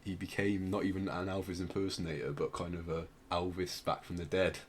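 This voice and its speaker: A podcast co-host casually tells a musician's story, explaining hesitantly and often circling back to rephrase. He has a deep, level voice and talks fairly quickly, with slight background noise.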